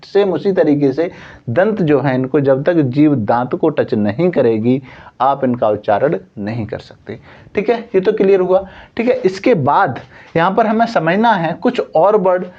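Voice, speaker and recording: A man teaching Hindi in an online coaching class. He explains slowly, sounds out letters one at a time, and keeps checking with "theek hai". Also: a little high, animated. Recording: slightly dull lo-fi sound.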